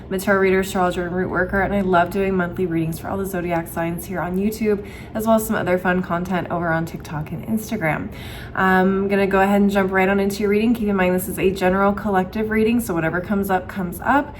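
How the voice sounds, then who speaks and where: A woman's voice: mid-range voice, fairly even intonation, fast, a little hiss or hum. A young woman hosting a casual tarot reading, talking conversationally and thinking aloud as she goes. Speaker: tarot reader and host.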